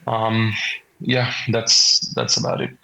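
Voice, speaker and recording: A man in his twenties with a Pakistani accent, giving a shaken, halting eyewitness account in an interview. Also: on the low side, big pitch swings, vocal fry, bright, forceful tone, poor audio. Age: 20s. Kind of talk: interview account of a traumatic event.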